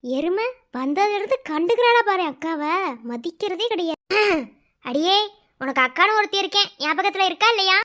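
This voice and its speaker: A woman's voice: very high-pitched, expressive, moderate pace, pushed and bright, full character voice. Woman voicing a worried, scolding cartoon big sister. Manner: scolding, then worried and pleading. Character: caring, scolding elder sister of a young woman. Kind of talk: cartoon love story voice acting.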